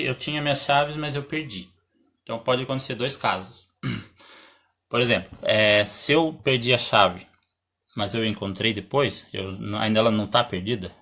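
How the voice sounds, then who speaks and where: A Brazilian man teaching English in a live stream, explaining slowly, reading example sentences aloud, clearing his throat often and answering viewers' questions. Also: on the low side, a bit bright. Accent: Brazilian Portuguese. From Santa Catarina, Brazil.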